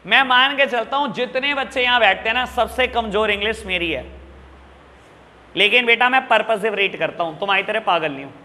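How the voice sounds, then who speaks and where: A man's voice: high voice, brisk, pushed and bright, big-room sound. A male accounts teacher lecturing a classroom of students, fatherly and scolding, firing rhetorical questions at them.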